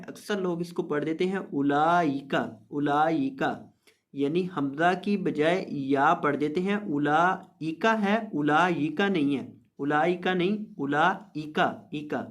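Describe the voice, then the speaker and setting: Male Quran recitation teacher with a higher-pitched voice; chants each word slowly, then explains the rules at a brisk pace. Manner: slow drawn-out recitation alternating with brisk explanation.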